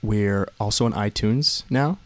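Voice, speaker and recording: A man co-hosting a casual podcast, speaking in a low, measured radio voice. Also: dry recording. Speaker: podcast co-host.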